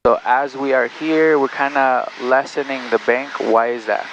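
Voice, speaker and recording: Male flight instructor, calm intercom instructions, creaky voice, encouraging, step-by-step, dull headset sound, vehicle noise. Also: medium pitch, normal speed. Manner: encouraging, directive, explains step by step. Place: inside a small airplane in flight. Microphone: aviation headset. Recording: muffled aircraft intercom with engine noise.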